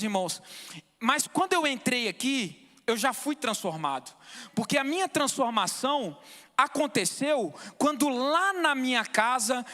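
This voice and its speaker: A man's voice: very high voice, pushed and bright, big-room sound. A man in his thirties from Brazil giving an emotional, fervent testimony in church, often calling out to the brothers. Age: 30s.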